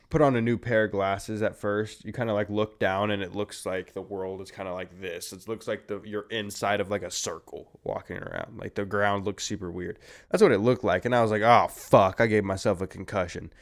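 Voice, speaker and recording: A tired young man co-hosting a podcast, chatting casually and rambling, with plenty of swearing. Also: fairly low pitch. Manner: laid-back, heavy swearing, rambling. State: tired, yawning. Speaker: podcast co-host. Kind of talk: casual chat.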